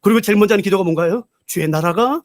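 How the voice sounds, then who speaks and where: A male pastor giving a broadcast revival sermon, telling a story in an animated way and acting out the voices of its characters. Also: high-pitched, very fast.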